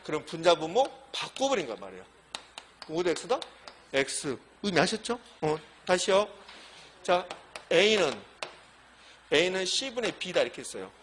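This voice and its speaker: A man's voice: high voice, sing-song, slow, long pauses, fairly bright tone, a little hiss or hum. A middle-aged man lecturing a class for a real estate exam, repeating key points emphatically as he works through examples on the board. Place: classroom with a blackboard.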